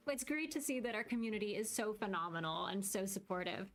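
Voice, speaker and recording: A woman's voice: mid-range voice, steady tone, a little fast, faint music behind. A woman co-hosting a casual livestream in a supportive way, often echoing her co-host.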